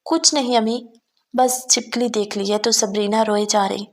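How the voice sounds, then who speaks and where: A woman voicing a brusque young man who calms a frightened girl. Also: a little high, natural voice. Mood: firm. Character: young man, curt and protective.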